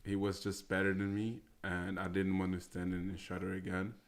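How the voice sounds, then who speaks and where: A young man from Austria with a very deep, gravelly voice talks as a guest in a casual interview. His pitch stays flat and even, and he speaks haltingly, pausing on fillers and starting over. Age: 20s. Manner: halting, with many fillers and restarts. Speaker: guest, American football player.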